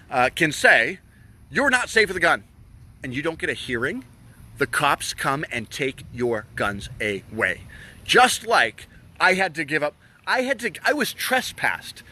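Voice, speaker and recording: A fairly high-pitched man's voice, bright and lively, swinging up and down as he rants on a live stream. He hammers his points home, repeating phrases for emphasis. He sounds like a gun store owner venting to his online viewers. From Florida. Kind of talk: live video rant.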